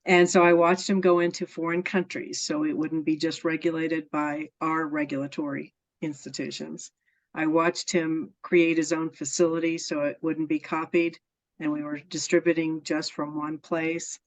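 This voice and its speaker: Through dull lo-fi audio, a woman guest in a casual storytelling interview tells personal stories earnestly and enthusiastically, often laughing. She speaks at a moderate pace in a low-pitched voice with little pitch movement.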